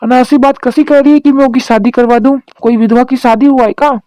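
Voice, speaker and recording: A woman's voice: high voice, steady tone, fairly quick, warm tone, no room sound, close to an everyday voice, low-quality recording. A woman voicing a worried rural mother-in-law in a cartoon drama, talking in a homely village dialect.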